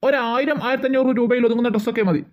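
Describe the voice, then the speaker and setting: A woman's voice: on the high side, steady tone, rapid-fire, darkish tone, lightly acted. A woman voicing a stern, thrifty father of two girls in a cartoon, bossy and lecturing. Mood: firm. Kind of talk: cartoon voice acting.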